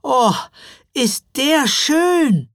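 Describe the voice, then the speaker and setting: A man's voice: very high-pitched, very animated, very slow, a bit bright, no room sound, clean studio sound, pitched above the performer's own voice, heavily acted. A man voicing Mila, an amazed little girl who gasps with wonder, in a storybook reading. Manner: breathless, gasping with wonder.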